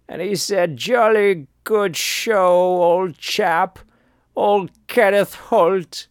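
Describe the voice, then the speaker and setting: Pompous aristocratic radio host, played by a man, slow haughty drawl, pitch swooping wide, dry close sound. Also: no room sound. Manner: haughty, affected posh drawl. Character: pompous snobbish upper-class male radio host. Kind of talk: comedic character monologue.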